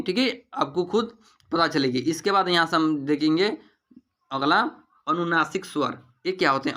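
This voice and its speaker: A man's voice: on the high side, sharp tone. A man teaching an exam-prep grammar lesson, repeating each point back to students as a question.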